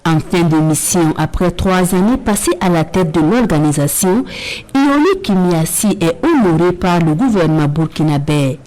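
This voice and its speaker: A woman's voice: lowish voice, animated, moderate pace, dark tone, rough recording. A woman reporter voicing a TV news story in a formal, scripted way.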